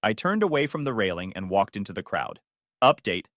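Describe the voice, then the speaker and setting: A man reading a first-person drama in a measured, cool delivery. His pitch moves in a lively way, and the recording is dry and close with no room sound. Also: no room sound. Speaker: narrator. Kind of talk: storytime narration.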